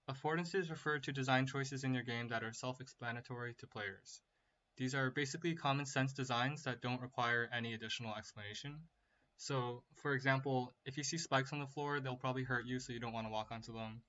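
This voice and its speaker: A man's voice: medium pitch, sharp tone, highs cut off. A man lecturing in an explanatory, semi-casual way, like a tutorial class talk.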